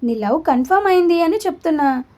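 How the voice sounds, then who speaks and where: Brief: sly male inner-voice double, playful and slow; woman narrator does him. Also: very high voice, expressive, darkish tone. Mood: teasing. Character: man's mocking conscience, his teasing double.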